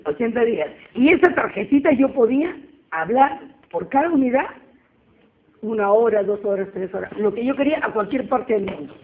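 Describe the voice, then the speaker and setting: A woman, giving a lively church testimony and acting out the dialogue as she tells it. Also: on the high side, normal speed. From Peru. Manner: animated storyteller acting out dialogue. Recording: tinny phone-like line with faint noise.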